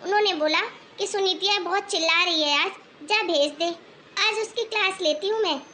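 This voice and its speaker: A woman's voice: very high voice, moderate pace, sharp tone, slight background noise. A woman voicing a meek young daughter-in-law. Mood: polite. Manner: respectful and apologetic. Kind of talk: animated moral story voice acting.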